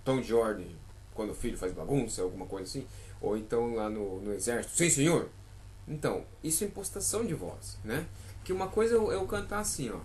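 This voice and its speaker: A man's voice: on the low side, animated, fast talker, darkish tone, rough recording. A man with a Brazilian accent giving a casual singing lesson, chatty and encouraging, calling out sample notes as he teaches.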